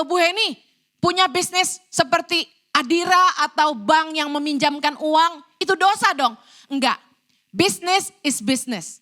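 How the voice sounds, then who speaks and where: A middle-aged woman preaching a church sermon, telling a personal story in an animated way and acting out the lines people said to her. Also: high-pitched. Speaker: evangelist preacher.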